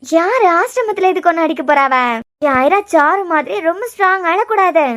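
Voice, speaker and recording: A woman with a Kanyakumari Tamil accent voicing a gentle young woman who soothes and coaxes a crying little girl in a cartoon serial. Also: extremely high pitch, expressive, normal speed, background noise. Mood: soothing. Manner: soothing, coaxing, tender.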